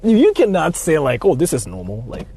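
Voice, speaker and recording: A man talks a little fast on a casual driving livestream, rambling and repeating his phrases while swearing freely. His voice is fairly high, gravelly, and warm, with huge swings in pitch, and the recording picks up a noisy car interior and vehicle noise.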